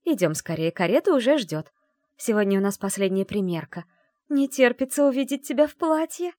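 A woman voicing a fussy, excited mother hurrying her daughter. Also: sits high, fairly quick, dry recording, clean studio sound, pitched above the performer's own voice. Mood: eager. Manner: eager, bustling.

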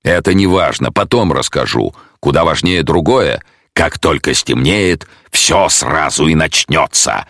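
A man's voice: extremely low pitch, animated, a little slow, few pauses, dry recording, clean studio sound, heavily acted. A man voicing the boisterous, mocking ghost of an old sea commodore in an audiobook. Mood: jovial. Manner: loud, jovial, mocking.

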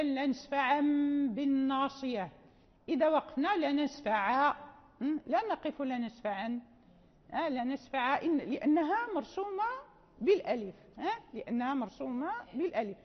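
A woman teaching Quran recitation rules in a lesson, often checking in with listeners and drawing out quoted verses slowly. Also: high voice. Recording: dull lo-fi audio with long hall reverb.

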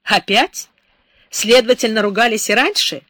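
A woman's voice: a little high, normal speed, fairly bright tone, no echo. A woman voicing a tense, determined man who speaks in a raised, eager tone, read close to a dry microphone. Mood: eager, polite.

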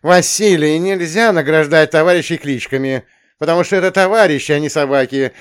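A man's voice: a little high, fairly quick, clean tone, pitched above the performer's own voice, lightly acted. A man voicing a pompous, jittery male camp counselor who barks orders and loses his words. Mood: lecturing. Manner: shouty, pompous, flustered.

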